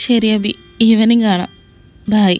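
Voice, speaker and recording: A woman with a medium-pitched, darkish voice speaks slowly and steadily as she performs all the characters of a fan fiction audio drama. Her delivery ranges across arguing, teasing and pleading, set against quiet background music.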